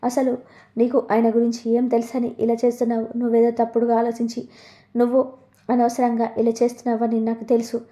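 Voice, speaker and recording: Inner voice figure, pushy and scolding, very flat dark delivery, a woman reading it out. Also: a little high, fairly quick, reverberant, lightly acted. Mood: insistent. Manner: insistent, scolding. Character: young woman's inner self, pushing her toward love.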